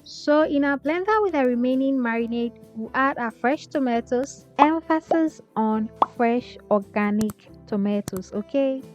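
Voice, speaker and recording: A woman's voice: high voice, moderate pace, few pauses. A woman hosting a cooking tutorial, talking the viewer through each step in a chatty way and often checking in with "okay?". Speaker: cooking channel host. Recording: slightly dull sound with faint music.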